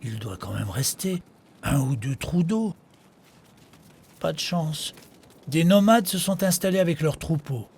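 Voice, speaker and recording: Dromedary narrator, higher-pitched, nature documentary. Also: male voice, lively intonation, a little slow, long pauses, darkish tone, husky, full character voice. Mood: narrating. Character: male dromedary telling its own life in the desert. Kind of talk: nature documentary narration, scripted, first person.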